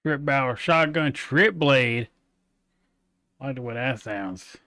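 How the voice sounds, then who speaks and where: A man gives casual commentary over his own gameplay. His voice sits at a medium pitch as he talks offhandedly through the game. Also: slow, sharp tone, dry recording, clean studio sound. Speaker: video game player.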